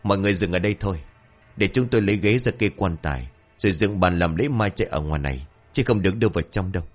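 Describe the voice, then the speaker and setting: A man voicing an old village clan elder who speaks calmly and admonishingly. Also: low voice, quick pace, faint music behind. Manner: calm, admonishing.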